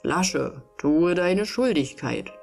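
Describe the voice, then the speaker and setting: A poor, eager farmer man, as a woman reading a storybook puts him on, polite and plain-spoken. He talks in a low, even voice with hardly any change from the narrator's own. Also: takes it slowly, gravelly, faint music behind, heavily acted. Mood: joyful.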